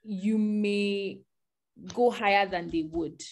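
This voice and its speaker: A woman's voice: mid-range voice, takes it slowly. A woman speaking as a guest on an online tech panel, giving earnest advice and often restarting her sentences.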